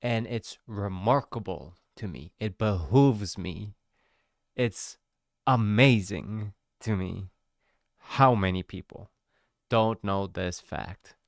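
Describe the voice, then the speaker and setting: A man talks to camera in a casual, explanatory way, slowing down to lean on important words. His voice sits fairly low. The sound is dry and close, with no room around it. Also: gravelly, no room sound. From United States. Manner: chatty, explanatory, drawn-out emphasis on key words. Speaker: host explaining his church's history. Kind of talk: casual educational talk to camera.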